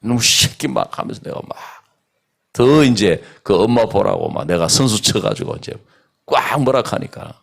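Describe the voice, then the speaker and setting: Gravelly, lively middle-aged man preaching. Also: fairly low pitch, moderate pace. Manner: animated storytelling that swings between hushed asides and raised emphasis. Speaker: pastor. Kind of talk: sermon. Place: outdoor church service.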